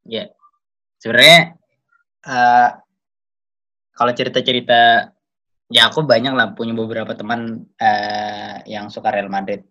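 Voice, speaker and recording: A young man, a guest in a casual chat about football, talking in a relaxed way that often trails off softly. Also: medium pitch, measured pace, pauses often, lo-fi sound.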